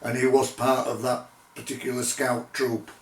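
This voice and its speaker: A middle-aged man telling his own paranormal investigation story in a measured, deliberate way, with pauses. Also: mid-range voice, completely flat delivery. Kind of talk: unscripted spoken storytelling. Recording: roomy echo, distant microphone.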